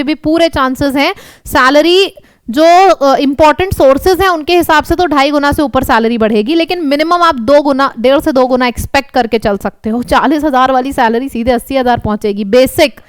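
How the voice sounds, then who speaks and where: A woman with an Indian accent teaching English vocabulary for exams, lively and quizzing her students. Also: sits high, fairly quick, no room sound. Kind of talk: exam vocabulary lesson.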